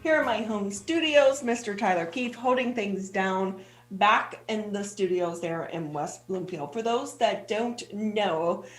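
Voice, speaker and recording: A woman's voice: medium pitch, a little slow, reverberant. A woman hosting an interview show from her home studio, upbeat and chatty. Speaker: host.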